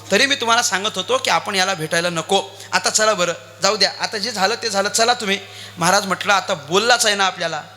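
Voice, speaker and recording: A man's voice: high-pitched, pushed and bright. A man preaching a devotional kirtan sermon, telling a story and acting out its dialogue.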